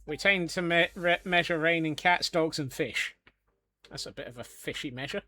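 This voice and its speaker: A man's voice: fairly high pitch, normal speed, pushed and bright, soft background music. Chatty, jokey Scottish-born male streamer. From Scotland. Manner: chatty and jokey, answering chat. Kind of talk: casual live-stream chat while gaming.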